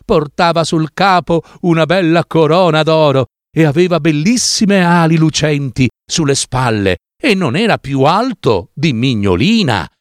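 A man reading a fairy tale aloud as narrator, expressive and drawn out. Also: a little high, measured pace, hardly any pauses, dry recording, studio quality. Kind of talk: storybook reading.

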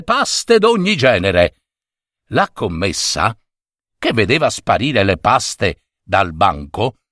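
Expressive slow male storyteller. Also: mid-range voice, no echo, studio quality. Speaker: narrator. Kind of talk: storybook reading.

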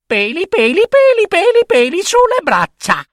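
A cheeky little princess from a storybook, bold and teasing, acted by a man. Her voice sits very high and bounces in a sing-song chant. Every phrase is slow and drawn out. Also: huge pitch swings, fairly bright tone, no room sound, clean studio sound, full character voice.

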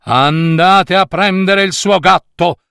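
A man's voice: sits high, slow pace, vocal fry, a bit bright, clean tone, dry recording, clean studio sound, pitched above the performer's own voice, heavily acted. A man voicing an impatient, bossy elf king who barks orders in a storybook tale. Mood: commanding. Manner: commanding, barking orders.

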